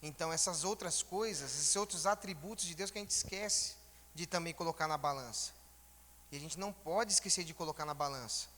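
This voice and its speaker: A man's voice: a little high, brisk, pushed and bright, in a large hall. A man giving a conversational sermon in a church, informally asking the congregation rhetorical questions. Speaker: church elder preaching.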